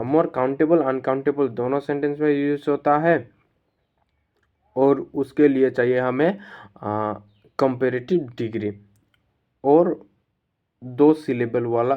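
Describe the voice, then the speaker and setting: A male teacher explains grammar to students, going over each rule again and pausing often. His voice sits at a middle pitch. The recording sounds slightly dull and lo-fi. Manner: explains step by step, repeats rules, many "uh" pauses. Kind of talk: classroom-style lesson explanation.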